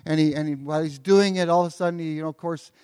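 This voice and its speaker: A man's voice: on the high side, fairly even intonation, racing, a little mellow, smooth, dry recording, studio quality. Earnest man preaching a sermon. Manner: earnest, repeats words as he builds a point. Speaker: pastor.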